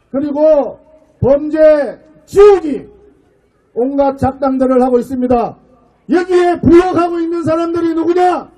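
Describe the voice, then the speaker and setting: Shouting middle-aged man with a deep-toned high voice. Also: low-quality recording. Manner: shouting, rhetorical questions to the crowd, emphatic pauses. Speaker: party floor leader giving a rally speech. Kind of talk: fiery political rally speech.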